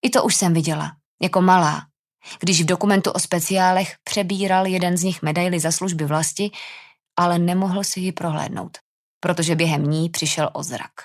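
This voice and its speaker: A woman's voice: fairly low pitch, steady tone. A woman narrating a first-person fantasy audiobook with a tense, dramatic delivery.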